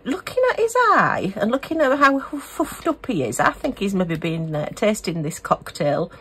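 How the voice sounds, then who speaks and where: A woman's voice: fairly high pitch, huge pitch swings, measured pace, a bit bright, breathy edge. A middle-aged woman from the UK, chatting casually and gushing as she unboxes and reviews craft kits. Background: a small fan humming.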